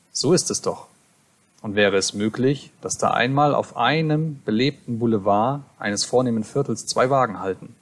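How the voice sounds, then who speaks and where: A man reading a literary story aloud as an audiobook narrator, with a measured, deliberate delivery. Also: lowish voice.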